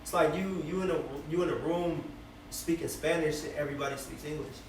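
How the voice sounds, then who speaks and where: A man's voice: a little high, steady tone, brisk, over a noisy crowd. Bay Area guy in his twenties, loose reflective chat, roomy echo, distant noisy mic. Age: 20s. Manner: loose, reflective, many fillers and "you feel me". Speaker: rapper guest. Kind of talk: casual interview chat.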